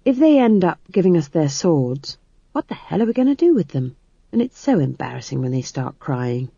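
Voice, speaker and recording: A tired, sardonic player from a storybook, dry in his asides, voiced by a woman. The voice is lowish and plain. The sound is dry and dull. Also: sing-song, moderate pace, gravelly, warm tone, slightly rough, no room sound, full character voice. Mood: wry. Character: wry, weary male actor.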